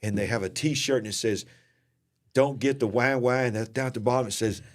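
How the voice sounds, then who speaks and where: Brisk and medium-pitched, a man with a Southern US drawl runs a live online show full of casual, folksy joking. Part of his humor is making fun of fake accents.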